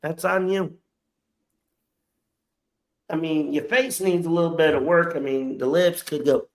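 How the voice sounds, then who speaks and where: A man's voice: fairly high pitch, fairly even intonation, a little slow. A man hosting a podcast, delivering a profane comedic roast full of crude mocking insults. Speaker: podcast host.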